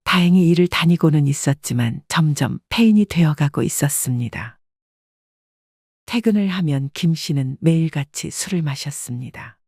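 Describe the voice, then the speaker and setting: A storyteller giving a measured, scripted audiobook narration in an even delivery. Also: medium pitch, breathy edge, no echo, studio quality.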